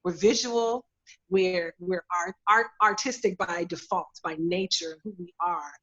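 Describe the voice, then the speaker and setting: A woman's voice: lowish voice, steady tone, measured pace, a bit bright, highs cut off. A woman beauty editor answering interview questions in an emphatic, conversational way, repeating her key words.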